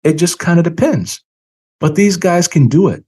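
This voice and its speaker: Man, finance show host, earnest, emphatic, drawn-out stressed words, a bit tired. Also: a little high, animated, a little mellow, breathy edge. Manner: earnest, preachy, emphatic with dramatic slow stresses. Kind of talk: solo commentary monologue.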